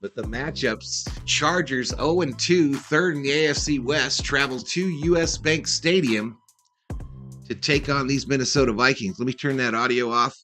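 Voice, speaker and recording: A man hosts a sports livestream, chatting informally to his viewers in casual pregame commentary. His voice is medium-pitched and sharp, at a normal speed, with faint music in the background.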